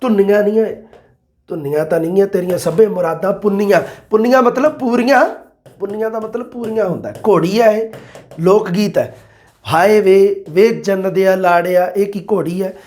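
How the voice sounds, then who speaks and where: A man, an exam-prep teacher explaining multiple-choice answers and quoting verses slowly. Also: high voice, darkish tone. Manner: addresses listeners as "bai", quotes verses slowly.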